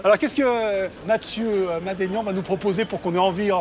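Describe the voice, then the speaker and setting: A male talk show host asks chatty, teasing questions in a high voice. He talks quickly. Steady background noise sits under his voice. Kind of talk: casual interview.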